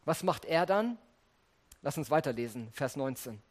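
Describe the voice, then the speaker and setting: Male preacher, slightly high voice, earnest sermon delivery, speaks directly to the congregation. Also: animated, moderate pace. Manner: earnest, addresses listeners directly. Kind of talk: sermon with Bible reading.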